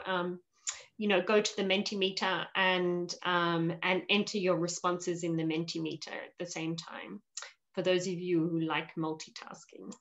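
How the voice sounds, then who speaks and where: A woman's voice: medium pitch, a bit bright. A woman in her forties hosting an online panel session from home over a video call, upbeat and welcoming, with frequent fillers. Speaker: webinar host. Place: home room with shelves. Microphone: laptop webcam video call.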